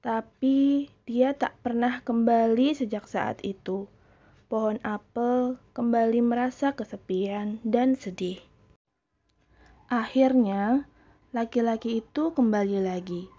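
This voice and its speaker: A female teacher giving a recorded lesson for children, in a slow, clear, explanatory way. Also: on the high side, mellow, highs cut off.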